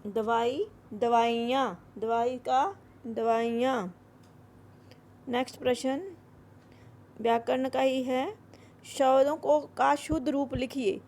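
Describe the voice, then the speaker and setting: A woman's voice: high-pitched, steady tone, darkish tone. A woman teaching a Hindi grammar worksheet, repeating each word and drilling its correct form, with English words mixed in. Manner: repeats words slowly, then drills them. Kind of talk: explaining a school grammar worksheet.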